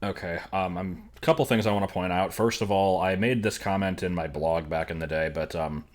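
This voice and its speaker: A man's voice: sits low, steady tone, a little fast. A man streaming, giving casual, wry reaction commentary on cartoon clips.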